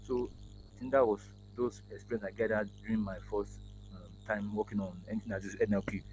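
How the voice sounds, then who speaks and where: An AI engineer whose first language is Yoruba is a guest on a casual video-call interview from an indoor office room. He speaks haltingly, with many restarts and fillers, in a lowish voice with fairly even intonation. The laptop mic yields noisy call audio.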